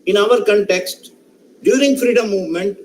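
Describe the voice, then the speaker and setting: A man's voice: sits high, normal speed, a little hiss or hum, poor audio. A male professor with an Indian English accent, giving an online lecture and putting questions to participants, speaking emphatically and often repeating and restarting phrases. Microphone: online session microphone.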